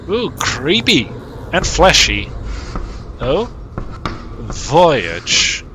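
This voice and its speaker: A man's voice: on the high side, a bit bright, a little hiss or hum. A man streaming a puzzle game, thinking aloud in a casual, muttering way as he works through it. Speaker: gaming streamer. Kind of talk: casual let's-play commentary.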